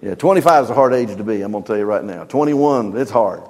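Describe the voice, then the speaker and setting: An older man preaching a Bible study sermon in a folksy, conversational way, growing animated when he tells stories. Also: fairly low pitch, fast, big-room sound.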